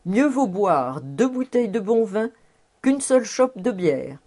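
A woman's voice: mid-range voice, sing-song, unhurried, warm tone. A woman reading the part of a pedantic male professor in a storybook, in a lecturing, matter-of-fact way.

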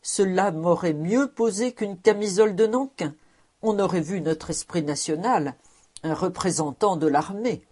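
Fussy self-important guy with a cane, read by a woman, storybook, protesting, warm husky voice. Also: on the low side, unhurried. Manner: judicious, protesting.

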